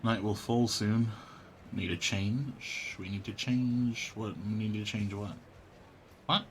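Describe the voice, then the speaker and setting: A live game streamer talks slowly in a steady, lowish voice, with slight background noise and game music playing. He reads on-screen text aloud, chats casually, and hums to himself, all in a relaxed, mumbly manner.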